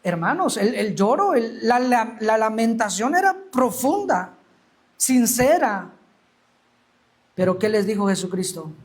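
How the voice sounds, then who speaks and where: A man's voice: sits high, big pitch swings, a little slow. A male preacher delivering an emphatic sermon, acting out the Bible scenes he tells. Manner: emphatic, acts out quoted Bible speech.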